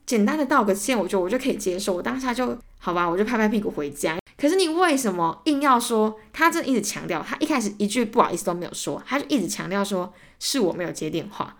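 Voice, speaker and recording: Barely pausing, a young woman hosting a solo podcast rattles off stories fast in an expressive, medium-pitched voice with a Taiwanese Mandarin accent. She performs both sides of each argument and gets heated and exasperated while retelling it, in a casual, ranting style.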